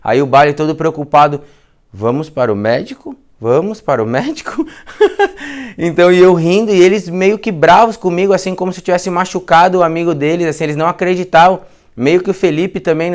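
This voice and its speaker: Clear-voiced Brazilian man telling a case. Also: on the high side, steady tone, fast talker. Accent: Brazilian Portuguese. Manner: chatty, repeats phrases, slangy asides. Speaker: physiotherapist teaching a live class. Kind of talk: informal storytelling case lecture.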